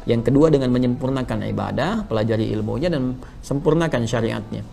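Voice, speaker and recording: A man preaching a sermon, moving between loud, emphatic teaching and hushed, prayerful recitation of supplications. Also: medium pitch, fairly quick, vocal fry. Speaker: Islamic preacher. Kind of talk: sermon answering a question.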